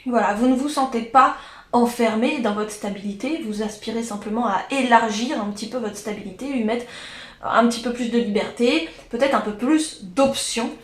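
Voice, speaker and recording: A woman's voice: a little high, normal speed. Hesitant woman reading tarot cards. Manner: hesitant, many fillers and restarts. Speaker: tarot card reader. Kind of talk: casual spoken tarot reading. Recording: echoey room.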